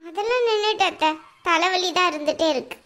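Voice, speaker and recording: A woman voices a weary young daughter-in-law in a cartoon, sounding meek and soft-spoken. Her voice is very high and bright, and she speaks fairly quickly.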